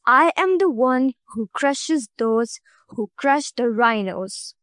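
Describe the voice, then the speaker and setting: A sly male frog from a storybook bellows that he is the strongest of all, as a woman storyteller plays him. He speaks slowly, with a fairly high pitch and a dry, close sound. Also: lively intonation, no room sound. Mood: grand. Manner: shouting grand boasts. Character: clever male frog posing as mightiest creature.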